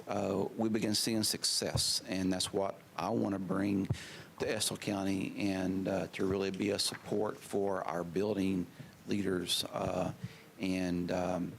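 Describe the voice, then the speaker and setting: A deep, gravelly man in his fifties speaks at a school board meeting, his mouth swollen from surgery. He talks haltingly, full of fillers and restarts, and faint room noise sits under his voice. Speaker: new assistant superintendent. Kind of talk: public remarks at a meeting.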